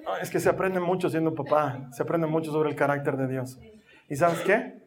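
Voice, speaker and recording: Man, pastor, sermon, high voice, emphatic, animated storytelling. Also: normal speed. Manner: rhetorical questions to the congregation.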